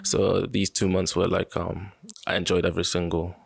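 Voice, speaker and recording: Low, gravelly young man from Sudan. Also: level tone, normal speed, dry recording. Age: 20s. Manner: hesitant, many "um"s, laughs often. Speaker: guest. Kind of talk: casual interview.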